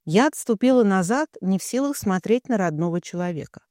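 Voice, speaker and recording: Male audiobook narrator, emotional first-person reading, high, dry voice. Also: expressive, a little fast, darkish tone, no room sound. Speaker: audiobook reader.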